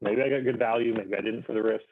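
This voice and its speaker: A man telling a casual, self-deprecating story among friends in a halting, wry manner. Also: on the low side, fairly even intonation, slight background noise. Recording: thin phone-like call, muffled.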